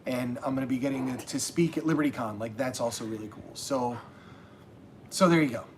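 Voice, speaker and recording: Casual livestream host, man, rambling and restarting, middle pitch, faint rumble behind. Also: a little fast. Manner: rambling, many restarts and fillers. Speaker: channel host and self-published author.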